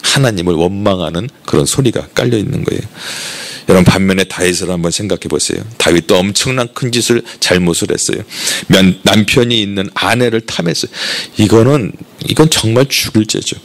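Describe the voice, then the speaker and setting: A man's voice: lowish voice, a little fast. A male pastor preaching a sermon, telling the story vividly and putting questions to the congregation.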